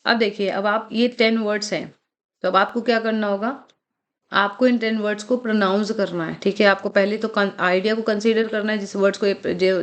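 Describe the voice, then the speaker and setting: Hindi-speaking woman teaching vocabulary. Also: medium pitch. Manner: explains words in Hindi, reads English lines slowly; checks in often with short tag questions. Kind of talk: recorded exam-prep lecture.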